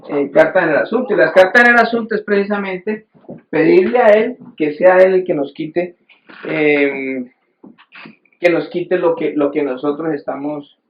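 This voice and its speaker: A man's voice: on the high side, echoey room, highs cut off, a little hiss or hum. A man preaching a sermon in a conversational way, often restarting sentences and acting out quoted voices. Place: church hall.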